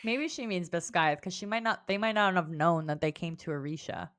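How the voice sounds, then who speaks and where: A woman's voice: fairly low pitch, a little fast, fairly bright tone. A woman co-hosting a book club podcast, chatting casually, swearing freely and laughing often. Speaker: podcast co-host.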